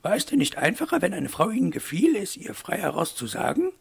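Male reader doing a prim older ex-nurse, high insistent voice, gravelly undertone. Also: sing-song, fairly quick, full character voice. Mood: lecturing. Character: prim older woman, former nurse, probing. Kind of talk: audiobook reading.

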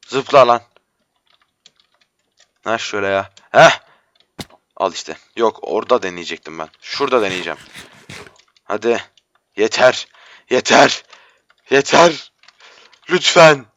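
A man giving frustrated live commentary while playing a game, swearing and breaking into shouts, his voice going hoarse. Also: mid-range voice, dry recording. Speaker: gamer.

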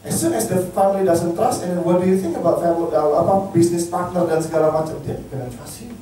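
A male preacher giving an animated sermon in a church, switching between Indonesian and English and asking his congregation questions. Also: sits high, quick pace, slight background noise. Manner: animated, asks the congregation questions and leads group reading. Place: church hall. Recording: echoey hall, mic at a distance.

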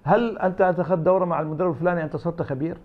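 Man, Iraqi Arabic accent, interview guest, very rapid argumentative delivery, dull lo-fi sound. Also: fairly high pitch, steady tone. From Iraq. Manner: argumentative, uses imagined dialogues. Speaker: academic guest. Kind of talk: interview answers.

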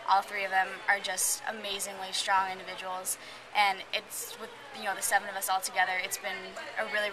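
A woman's voice: medium pitch, rough recording. A young woman in her early twenties, a senior college gymnast, answering interview questions in an eager, upbeat way inside a large gym, filmed close to the camera. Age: early 20s. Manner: upbeat, eager, repeats "really". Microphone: camera close to face. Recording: gym chatter in background.

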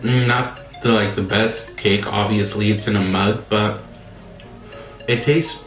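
A man's voice: on the low side, steady tone, takes it slowly, fairly bright tone, roomy sound, soft background music. A man casually reviewing a mug cake in a vlog while chewing, with a rambling, filler-heavy way of talking. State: mouth full of cake. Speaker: vlogger. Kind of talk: casual taste-test vlog.

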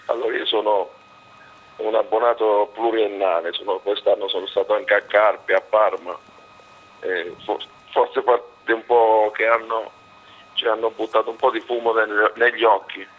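Hoarse man on the phone, voice giving out. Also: lowish voice, steady tone. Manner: halting, repeats himself. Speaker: phone-in caller, football fan. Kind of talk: opinionated phone-in commentary. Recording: muffled, band-limited phone line.

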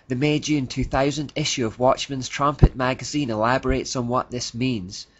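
A man's voice: mid-range voice, steady tone, moderate pace, lo-fi sound. A man giving scripted narration in a critical tone, reading out quotes.

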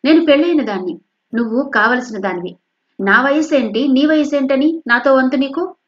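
A woman's voice: high voice, fairly quick, voice pushed up, close to an everyday voice. A woman voicing a worried, strict middle-aged mother who scolds her daughter sharply. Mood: scolding. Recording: dull lo-fi recording.

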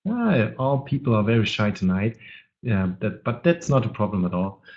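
A man who is not a native English speaker presents a live trading webinar, talking haltingly and searching for words while he has a cold. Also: on the low side, animated, darkish tone. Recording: dull lo-fi webinar audio.

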